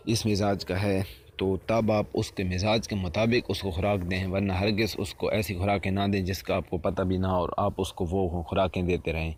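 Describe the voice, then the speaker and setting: A man's voice: low voice, a little mellow, slight background noise. A man giving spoken instructional advice on keeping partridges, often repeating and rephrasing his points and calling viewers friends.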